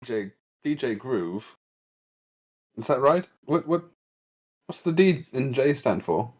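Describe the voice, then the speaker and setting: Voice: mid-range voice, very animated, takes it slowly, a little mellow, husky. A player at a tabletop game, asking curious questions with frequent giggles. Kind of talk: casual tabletop banter.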